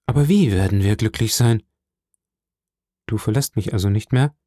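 A man reading an audiobook, voicing a frail, gentle old father who speaks softly and wearily. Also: lowish voice, moderate pace, no echo, studio quality, close to an everyday voice. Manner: soft, weary, hesitant. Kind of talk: audiobook character voice.

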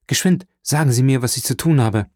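A man's voice: medium pitch, brisk, darkish tone, no echo, studio quality, voice pushed up, natural voice. A man voicing a desperate young prisoner in an audiobook, raised, urgent and pleading. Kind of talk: audiobook character reading.

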